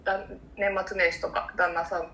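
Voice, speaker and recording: A woman from Kyoto with a soft, soothing Kansai lilt, chatting politely and gently as a podcast co-host. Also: fairly low pitch, little pitch movement, normal speed, rough recording. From Kyoto, Japan. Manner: polite, elegant, conscientious. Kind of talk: casual podcast chat. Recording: faint background noise.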